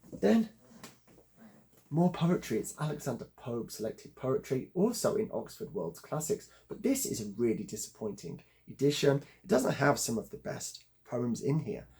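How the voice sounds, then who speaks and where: A man hosting a book channel, his voice hoarse and croaky from the flu, talking about his reading in a wry, leisurely way. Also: mid-range voice, warm tone. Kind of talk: casual book review.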